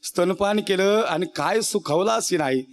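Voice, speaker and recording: High-voiced male kirtan preacher. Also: normal speed. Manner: emotional, rustic, addresses the audience directly. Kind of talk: devotional kirtan sermon.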